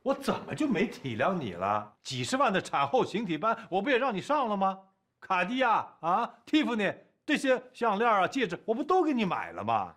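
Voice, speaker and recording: A man's voice: high voice, huge pitch swings, normal speed, fairly bright tone, full character voice. An actor playing a domineering, blustering middle-aged husband and father in a TV drama. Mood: indignant. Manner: blustering, bossy. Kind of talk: TV drama acting.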